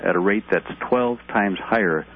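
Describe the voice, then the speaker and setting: A man's voice: lowish voice, normal speed. A middle-aged man, an ER doctor and candidate, calling in to a talk radio show over the phone, earnestly laying out figures. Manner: earnest, steadily citing figures. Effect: heard over the phone. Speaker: caller, congressional candidate and ER doctor. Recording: tinny phone line with faint noise.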